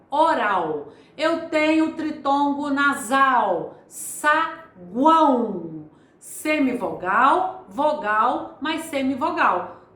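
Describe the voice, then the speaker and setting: High, lively-voiced woman teaching grammar slowly. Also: reverberant. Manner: didactic, repeats and spells out syllables slowly. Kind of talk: video grammar lesson.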